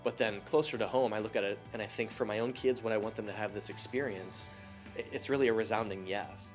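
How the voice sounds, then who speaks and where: A man's voice: fairly low pitch, fairly even intonation, quick pace, over music. A middle-aged man, a school principal and father, speaking earnestly in a video interview.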